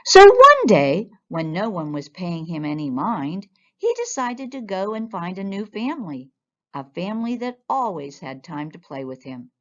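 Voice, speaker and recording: A woman storyteller reading a children's picture book aloud in an expressive style. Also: lowish voice, unhurried. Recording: dull, lo-fi sound.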